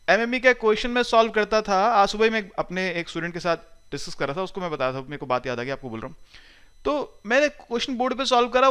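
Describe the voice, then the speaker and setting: A man's voice: a little high, fairly bright tone, clear, resonant tone. A middle-aged man from India giving a recorded math lecture in a chatty, reassuring way, mixing in English phrases. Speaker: math teacher.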